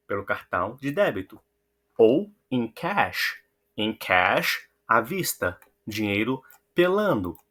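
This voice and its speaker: In a mid-range voice that sounds pushed and bright, a man teaches English to Portuguese speakers, saying each model phrase slowly and repeating it so learners can practice.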